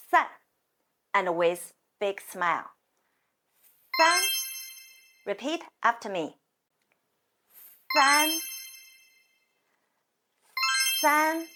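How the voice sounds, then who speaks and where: A woman with a Chinese accent teaching beginners to count in Chinese, drawing out each sound slowly for learners to repeat. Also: mid-range voice, very noisy. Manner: slow, careful, drawn-out sounds. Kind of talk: slow language lesson. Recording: music playing behind.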